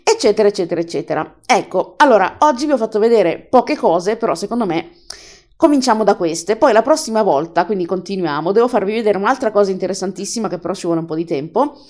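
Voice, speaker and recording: A woman's voice: medium pitch, lively intonation, quick pace, a little mellow. Chatty woman explaining an app. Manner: chatty, enthusiastic, explains step by step. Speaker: podcast host teaching an app. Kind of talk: casual spoken tutorial.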